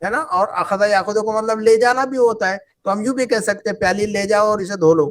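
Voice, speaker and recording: A man's voice: sits high, fairly quick. A man teaching an Arabic class, patiently repeating phrases and quizzing his students. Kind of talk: online class lesson.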